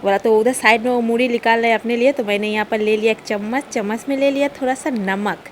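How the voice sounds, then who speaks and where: A woman's voice: a little high, steady tone, quick pace, slight background noise. A young woman, talking through her day and cooking in a casual home vlog, chatty and often laughing. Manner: chatty, laughs while telling. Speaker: vlogger. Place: home kitchen.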